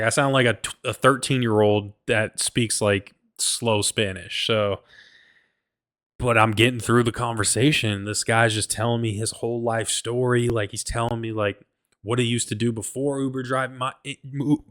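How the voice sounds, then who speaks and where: A man's voice: mid-range voice, fairly bright tone. A man hosting a solo podcast, telling a travel story in a rambling, profane way, full of "like" and "bro," often stumbling and restarting. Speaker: podcast host.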